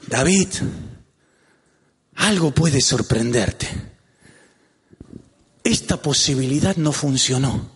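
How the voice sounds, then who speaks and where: A man with a Rioplatense accent preaching a lively sermon as pastor, joking and calling out to his congregation. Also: medium pitch, slightly rough. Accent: Rioplatense Spanish. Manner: animated, calls out to the congregation, jokes. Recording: long hall reverb.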